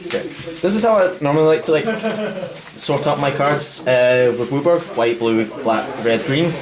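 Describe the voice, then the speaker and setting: Man, host, casual walkthrough, halting delivery, mid pitch, echoey store, chattering crowd. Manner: halting, stop-start delivery. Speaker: host opening card packs. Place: busy game store at a midnight event.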